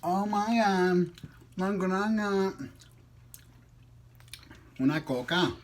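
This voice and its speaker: A mukbang vlogger chats casually while eating, his high-pitched voice animated and his words drawn out. He talks in an informal, slangy, teasing way.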